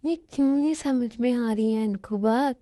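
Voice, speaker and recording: A woman's voice: on the high side, normal speed, warm tone, no room sound, studio quality, natural voice. A woman voicing a tearful young woman who pleads and refuses an arranged marriage, in an amateur fan-dubbed story. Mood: upset. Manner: pleading and defiant.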